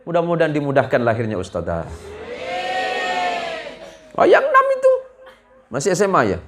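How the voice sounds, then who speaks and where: A man's voice: fairly high pitch, huge pitch swings, moderate pace, creaky, fairly bright tone, a little hiss or hum. A man from Indonesia, preaching a humorous sermon to a village gathering, telling jokes and acting out the voices in his stories. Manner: joking storyteller, acts out dialogue voices.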